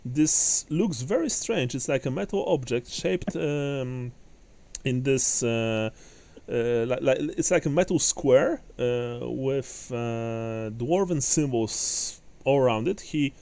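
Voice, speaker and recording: A man's voice: mid-range voice, animated, slow pace, darkish tone. A man narrating as game master of a tabletop game, rambling with many fillers and restarts.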